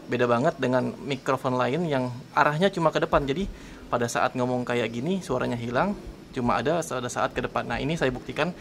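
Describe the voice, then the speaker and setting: A man's voice: mid-range voice, a little fast, vocal fry. Male tech vlogger, Indonesian accent, casual demo outdoors, faint hiss, on-camera mic. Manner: chatty, testing mic aloud. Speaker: tech reviewer. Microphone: camera-top microphone, turned front and back.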